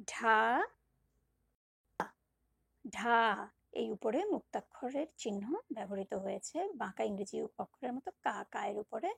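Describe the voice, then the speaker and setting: A woman's voice: fairly high pitch, gravelly, mellow, husky, no echo, clean studio sound. A woman teacher giving a recorded lecture, patiently repeating examples and drawing out single syllables. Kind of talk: recorded lecture on poetic meter.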